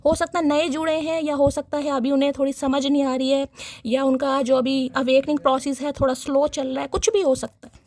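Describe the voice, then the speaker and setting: A woman giving a chatty collective tarot reading, teasing and sarcastic, and talking warmly and directly to her viewers. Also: sits high, little pitch movement, brisk, no echo. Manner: affectionate address to audience. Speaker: tarot reader.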